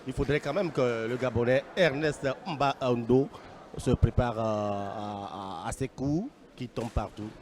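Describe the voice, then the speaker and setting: A man's voice: medium pitch, a little slow, darkish tone. A man commentating live on a fight, unscripted, hesitating and repeating phrases as he goes.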